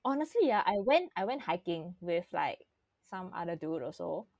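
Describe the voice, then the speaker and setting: Casting: young woman, Singaporean accent, casual Singlish chat, teasing and giggly, very lively intonation, dry recording. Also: on the low side, moderate pace, creaky, no room sound. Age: young adult. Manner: colloquial Singlish with sentence-end particles. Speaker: podcast host.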